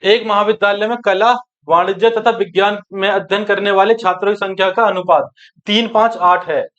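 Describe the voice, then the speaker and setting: A man's voice: high-pitched, fairly even intonation, a little fast, fairly bright tone. A man from teaching a maths class, working each problem aloud and asking his students questions. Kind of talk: exam-prep maths lesson. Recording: dull lo-fi online class recording.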